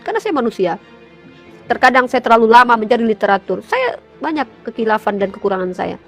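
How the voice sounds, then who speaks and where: High-voiced woman giving a fervent appeal. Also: expressive, fast talker, faint music behind. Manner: fervent, pleading, rising to emotional peaks; addresses listeners as brothers in faith. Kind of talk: impassioned religious exhortation.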